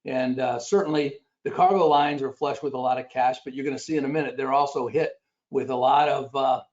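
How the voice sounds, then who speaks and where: Man, raspy voice, conference presenter, halting delivery, muffled lo-fi recording. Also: mid-range voice, fairly even intonation, darkish tone. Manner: halting, many fillers, reads statistics off slides. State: raspy after illness. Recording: dull lo-fi recording.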